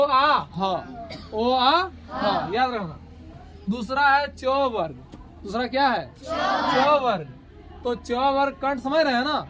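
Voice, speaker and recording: A man from India teaches a grammar lesson in a very high voice. He keeps asking the class questions and answers them himself. He sounds out the letters slowly and draws each one out. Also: a bit bright.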